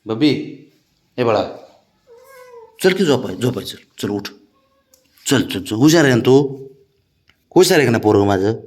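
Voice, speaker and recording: A man coaxing his pet in gentle, pleading baby talk in a casual home video. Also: medium pitch, lively intonation, measured pace, long pauses. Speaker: pet owner.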